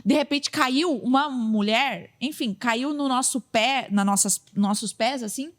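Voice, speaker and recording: A woman's voice: on the high side, measured pace. A young Brazilian woman, a podcast host and preacher, telling a story in casual chat and acting out what others said. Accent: Brazilian Portuguese. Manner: lively, acts out what others said.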